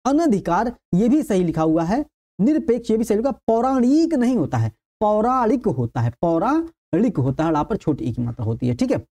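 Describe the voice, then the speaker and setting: A woman leads an exam-prep lesson, her pitch rising and falling in a lively way. Her voice sits on the dark, mellow side. She goes through answers one by one, repeats them and keeps asking if the point is clear. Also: fairly quick. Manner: addresses viewers as friends, repeats each answer with frequent checks of "okay"; stresses what is important and tells viewers to keep it in mind. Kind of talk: online lesson on exam questions.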